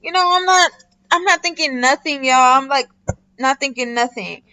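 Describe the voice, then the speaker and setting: A young woman vlogger telling a casual storytime, animated and slangy, swearing often and talking straight to her viewers. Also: high-pitched, moderate pace. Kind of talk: casual storytime while doing a wig install.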